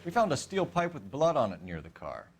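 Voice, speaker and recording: A methodical American police detective from a 1940s crime game. His delivery is formal and clipped, yet the pitch moves widely as he probes. Faint ambience sits behind him. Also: wildly swooping pitch, a little fast, slight background noise. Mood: probing, formal. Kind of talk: acted crime drama dialogue.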